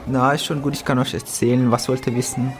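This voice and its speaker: A young man playing a quiet newcomer schoolboy in an amateur school drama, speaking slow, simple German with many hesitations. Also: mid-range voice, little pitch movement, a crowd in the background, close to an everyday voice.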